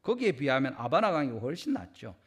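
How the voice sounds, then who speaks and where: A man preaching a Sunday sermon, acting out scripture characters with sudden swings between loud outbursts and quiet asides. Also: medium pitch, a little fast, husky. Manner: lively, acts out quoted speech with sharp rises and drops in loudness. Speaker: pastor.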